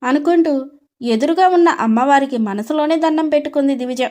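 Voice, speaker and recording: A woman narrating an animated storybook with expressive, scripted storytelling. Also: sits high, fairly quick.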